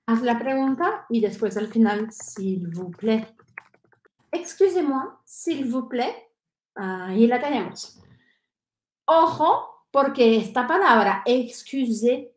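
A woman teaching French in an online lesson, drilling phrases slowly and carefully. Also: on the high side, reverberant.

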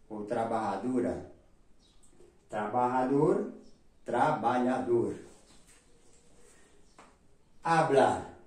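A man teaching Spanish vocabulary at a very slow, careful pace, repeating every word twice. His voice is dark and mellow. It sounds roomy and distant, as if he stands well back from the mic in an echoing room. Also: medium pitch. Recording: echoey room, far from mic.

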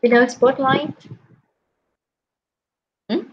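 A woman's voice: high-pitched, fairly even intonation, extremely slow, dull audio. A woman English teacher with a Vietnamese accent, correcting a student's speaking and drilling word pronunciation.

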